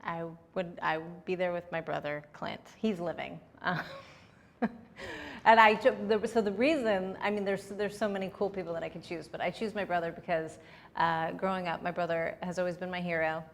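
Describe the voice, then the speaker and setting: A young woman comedian answers interview questions in a candid, chatty way. Her voice sits on the low side and has a gravelly fry to it. A faint hiss runs underneath. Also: steady tone, moderate pace, in a large hall.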